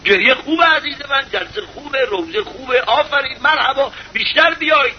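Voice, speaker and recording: Really high-pitched guy preaching hard, lots of rhetorical questions, bit muffled w faint hiss. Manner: impassioned, rhetorical questions, bursts of shouting. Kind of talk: sermon.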